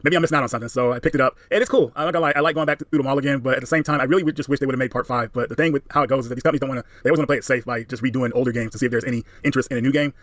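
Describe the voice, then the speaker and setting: A man's voice: medium pitch, steady tone, racing, hardly any pauses, dry recording. A man giving casual vlog commentary as he reviews a game collection.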